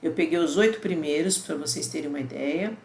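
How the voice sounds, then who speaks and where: A lower-pitched woman in middle age explains research concepts in a relaxed lecture, pausing often to check that her students follow. Her voice carries a noticeable room echo, and a faint hiss sits under the recording. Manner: explanatory, conversational, frequent "né?" and "ó". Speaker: university lecturer. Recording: roomy echo with faint background noise.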